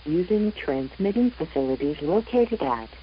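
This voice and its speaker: A woman reading a marine weather forecast in a measured, even announcer delivery over a VHF marine radio broadcast. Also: low-pitched, dull audio, slight background noise.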